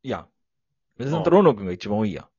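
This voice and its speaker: Laid-back man, lively voice. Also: on the low side, racing, husky, no echo. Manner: easygoing, laughs often. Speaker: co-host. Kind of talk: casual podcast chat. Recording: slightly muffled lo-fi audio.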